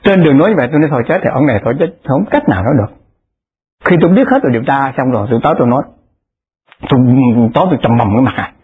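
Husky man's lively dharma talk. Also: mid-range voice, very fast. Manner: animated, acts out the people in his stories. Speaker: Buddhist lay dharma speaker. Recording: tinny lo-fi phone-like recording.

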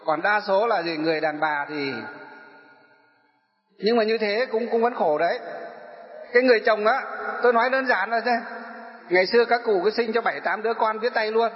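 High-voiced monk preaching in an echoey hall. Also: male voice. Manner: asks the crowd questions and answers them himself. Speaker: Buddhist monk. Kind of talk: dharma talk to elderly lay followers. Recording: echoey hall, dull sound.

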